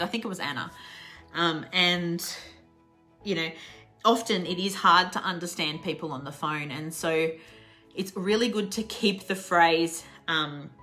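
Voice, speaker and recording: Aussie woman teaching english online, bright voice, chatty, laughs a lot, soft music behind. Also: on the low side. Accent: Australian. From Australia. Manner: chatty, laughs often, repeats example phrases slowly. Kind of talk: casual online English lesson.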